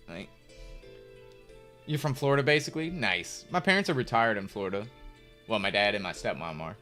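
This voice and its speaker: With a mid-range voice that sounds pushed and bright, a young American streamer casually chats about chess. He's laid-back and rambling, using many fillers, while faint music plays underneath.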